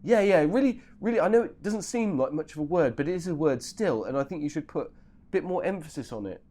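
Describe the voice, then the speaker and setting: A man's voice: a little high, expressive, fast talker, mellow. A man playing an overpolite casting director who gives fussy, hesitant notes.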